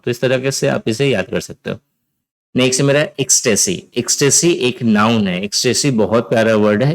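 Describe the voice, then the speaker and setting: Chatty Indian man teaching vocabulary. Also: fairly low pitch. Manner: casual, chatty explaining with frequent "theek hai?" checks. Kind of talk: vocabulary lesson with memory tricks.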